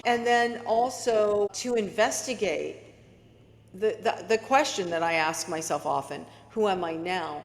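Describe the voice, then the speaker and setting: A woman speaks earnestly as a podcast guest, coaching the listener and urging them on. Her voice sits at a middle pitch. It carries a long, roomy reverb. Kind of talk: casual interview talk.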